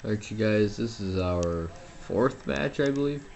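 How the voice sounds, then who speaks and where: Here the young man's voice is lowish and darkish with vocal fry, animated yet unhurried, and a little hiss or hum sits under it. He's at home giving loose solo commentary on a wrestling game, self-deprecating and wandering, full of fillers and false starts.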